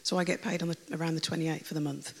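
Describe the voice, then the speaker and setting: A woman with a raspy, croaky voice that always sounds like she has a cold, chattily telling her testimony to a church congregation, rambling with fillers and restarts. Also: low-pitched, steady tone, quick pace. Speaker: church member giving a testimony. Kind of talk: personal testimony told to a congregation. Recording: long reverb of a large hall.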